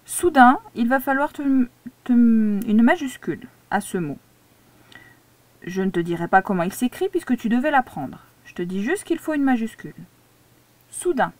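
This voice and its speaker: A woman's voice: fairly high pitch, sing-song, normal speed, no echo. A woman teacher giving a dictation lesson to a child, patiently spelling words out syllable by syllable. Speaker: primary school teacher.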